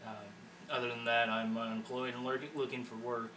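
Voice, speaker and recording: A man in his twenties talks casually about his group, wandering and restarting his sentences. His tone is bright, and he sits a little back from the mic. A faint hiss runs underneath. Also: mid-range voice, flat delivery, normal speed, far from the mic, poor audio. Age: 20s. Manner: rambling, self-correcting. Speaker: channel editor and online manager. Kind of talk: casual self-introduction to camera.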